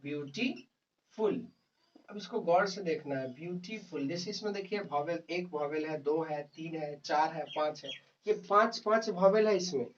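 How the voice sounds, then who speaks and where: A man teaching English grammar in a slow classroom explanation, repeating words, spelling them out letter by letter and answering his own questions. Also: fairly high pitch. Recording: distant, dull lo-fi mic.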